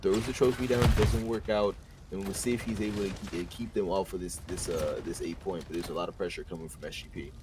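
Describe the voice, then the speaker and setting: Young man, lowish voice, stumbling esports analysis, loud gunfire behind. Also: fairly even intonation, noisy background. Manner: halting, with many fillers and restarts. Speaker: esports color commentator. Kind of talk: color commentary. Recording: loud game gunfire in the background.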